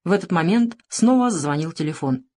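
A woman reading a crime novel aloud as audiobook narrator, expressive in her reading. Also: on the low side, brisk.

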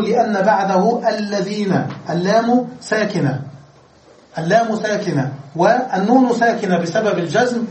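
High-voiced man teaching grammar, echoey. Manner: explains step by step, checks understanding with questions. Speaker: Arabic grammar lecturer. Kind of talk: classroom grammar lesson. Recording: roomy echo, distant mic, faint noise.

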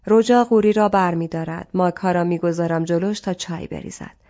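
Woman narrating an audiobook calmly. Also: fairly low pitch, muffled recording. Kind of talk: scripted literary narration.

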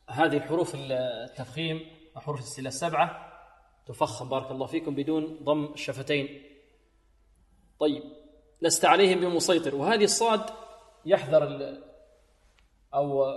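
A male Quran recitation teacher giving a tajweed lesson, explaining rules, asking questions and slowly drawing out verses to demonstrate. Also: a little high. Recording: echoey room with long reverb.

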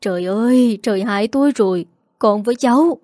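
A woman's voice: on the high side, brisk, mellow, no echo, studio quality, close to an everyday voice. A woman voicing a grieving, harsh grandmother in her eighties who wails and scolds. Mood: grieving, scolding. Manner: wailing, scolding.

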